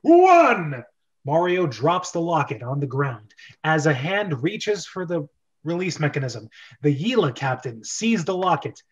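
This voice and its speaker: Over lo-fi sound, a man with a fairly high pitch and lively intonation narrates a script read-through. He reads the stage directions casually and haltingly, going back to correct his misreadings.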